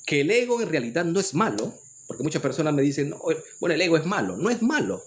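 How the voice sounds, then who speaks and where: A man's voice: a little high, sing-song, quick pace, slight background noise. Earnest Peruvian man lecturing. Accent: Peruvian Spanish. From Peru. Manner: earnest, lecturing, with frequent restarts. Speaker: spiritual commentator. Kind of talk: spiritual monologue to camera.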